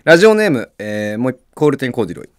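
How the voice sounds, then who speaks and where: A man's voice: mid-range voice, sing-song, very fast, dry recording, clean studio sound. A young man co-hosting a comedy podcast, chatting casually with teasing jokes and reading out listener mail. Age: young adult.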